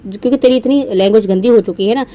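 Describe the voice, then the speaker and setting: A woman's voice: fairly high pitch, fast talker, mellow. A woman from India hosting her own podcast, giving sarcastic, scolding roast commentary with frequent fillers. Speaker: podcast host.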